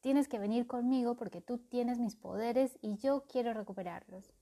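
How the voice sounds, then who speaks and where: A woman voicing a bossy, boastful male dragon sorcerer in a storybook, with booming exclamations. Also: normal speed, warm tone. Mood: insistent.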